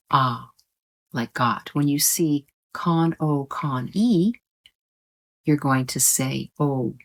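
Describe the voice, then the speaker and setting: A woman teaching English pronunciation in a patient, explanatory way, repeating points and stretching out vowel sounds to demonstrate them. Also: low voice. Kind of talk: slow explanatory lesson.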